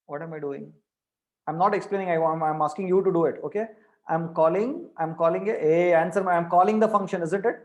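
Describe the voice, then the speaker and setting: A man's voice: fairly high pitch, darkish tone, low-quality recording. A man teaching programming in a live online class, repeating his questions to push students to answer.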